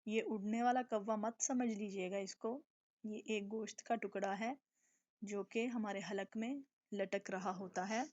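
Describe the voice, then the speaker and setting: A woman teaching recitation in a live online lesson, explaining patiently, drawing out letter sounds slowly, and often checking that her students follow. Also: medium pitch, fairly even intonation, a little mellow. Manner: patient, explanatory, keeps checking with a repeated question. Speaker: tajweed teacher. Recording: dull lo-fi online stream audio.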